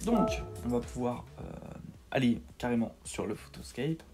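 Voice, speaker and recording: A gaming tutorial host with a medium-pitched voice and lively intonation narrates a video game tutorial at normal speed over music. His casual, hesitant voice-over is full of fillers and repeated words, and he's self-deprecating.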